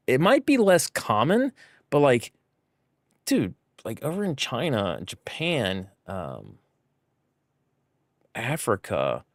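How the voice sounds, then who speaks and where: A man's voice: medium pitch, no room sound. A man from the United States chatting casually while he plays a game on a livestream. He rambles, thinks aloud and corrects himself, with lots of fillers. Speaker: streamer. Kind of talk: casual gameplay livestream chat. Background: game music.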